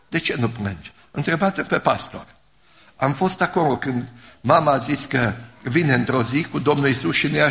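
A pastor, telling stories in a fervent sermon that swings from soaring highs to hushed lows. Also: male voice, creaky. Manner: fervent storytelling preacher, rising to high emotional peaks and dropping low. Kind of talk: sermon storytelling. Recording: reverberant hall.

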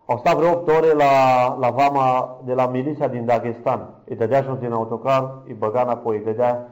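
A man preaching an impassioned sermon, speaking straight to the congregation and swinging between loud fervent cries and hushed, almost whispered passages. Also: medium pitch, steady tone, poor audio. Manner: addresses the congregation directly.

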